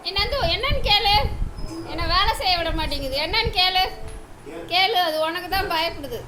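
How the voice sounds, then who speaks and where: Very high-pitched woman scolding her dogs. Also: animated, normal speed. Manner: scolding, teasing, asking questions over and over. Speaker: dog owner vlogger. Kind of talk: casual talk to her pet dogs. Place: home. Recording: noisy home recording.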